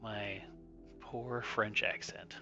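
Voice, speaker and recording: A man's voice: on the low side, level tone, drawn-out words, vocal fry, highs cut off, music in the background. A man co-streaming a game who chats casually and throws in jokes and teasing remarks. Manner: joking, teasing interjections. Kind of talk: casual chat while gaming.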